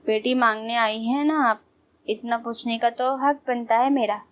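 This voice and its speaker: A woman narrator voicing a sharp-tongued, prying middle-aged mother in a storybook. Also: a little high, steady tone, muffled recording, lightly acted. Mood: needling. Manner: needling, sarcastic.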